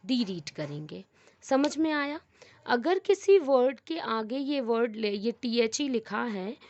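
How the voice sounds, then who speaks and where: A woman teaching an English grammar lesson in a patient, explanatory way. She asks the class questions and answers them herself, repeats every rule several times, and reads the English example sentences slowly. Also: a little high, a little mellow, no room sound. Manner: switches between Hindi and English, reading English examples slowly.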